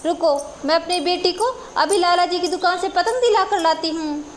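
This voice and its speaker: A stern old village mother-in-law, voiced by a woman, in a children's storybook. She scolds and commands in a very high, thin voice, with a faint hum of ambience behind her. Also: normal speed. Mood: bossy.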